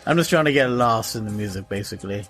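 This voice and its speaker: A man's voice: lowish voice, lively intonation, fast, fairly bright tone, faint music behind. A man co-hosting a podcast, chatting casually in a laid-back, agreeable, loose way. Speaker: podcast co-host. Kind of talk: casual chat.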